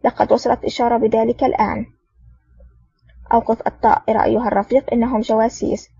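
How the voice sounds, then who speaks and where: A woman voicing an alarmed young male soldier shouting an urgent warning. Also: on the high side, level tone, quick pace, vocal fry, slightly rough, no room sound, exaggerated voice. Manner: urgent, breathless. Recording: dull lo-fi audio.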